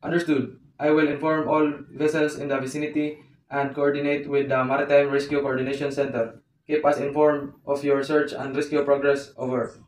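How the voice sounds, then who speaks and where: A man's voice: medium pitch, a little fast, very noisy, natural voice. A man playing a coast station operator on marine radio. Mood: calm, formal. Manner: formal, flat radio read-back. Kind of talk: marine radio procedure role-play. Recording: roomy echo, voice far from mic.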